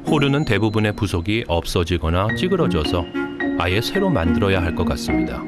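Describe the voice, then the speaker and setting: A man giving calm, explanatory scripted documentary narration as a voice-over. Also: low voice, brisk. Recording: voice-over with loud music behind.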